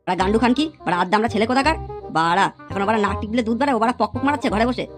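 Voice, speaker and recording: A woman voicing a crude, hot-tempered father in a cartoon, who swears constantly and yells threats at his son. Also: on the high side, animated, very fast, over music, close to an everyday voice. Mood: scolding. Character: crude hot-tempered middle-aged father, foul-mouthed. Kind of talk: cartoon voice acting.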